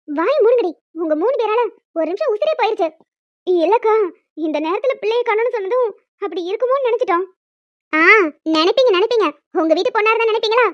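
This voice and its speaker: A woman voicing several emotional village women and a young daughter in a cartoon, fast and dramatic, scolding and tearful. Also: very high-pitched, lively intonation, dry recording. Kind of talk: cartoon voice acting. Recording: dull, dry lo-fi recording.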